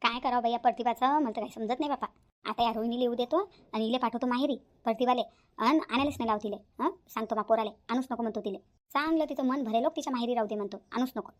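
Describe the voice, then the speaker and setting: A woman's voice: a little high, racing, close to an everyday voice. A woman voicing a bossy, grumbling older village mother-in-law in a cartoon, speaking shrilly. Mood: fuming. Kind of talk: cartoon voice acting.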